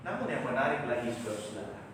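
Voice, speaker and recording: Dramatic preacher in an echoey hall. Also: male voice, medium pitch, big pitch swings, quick pace, noisy background. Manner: dramatic, swings from loud acted quotes to soft near-whispers. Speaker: pastor. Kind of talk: sermon. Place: large church. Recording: echoey church hall, voice from far off.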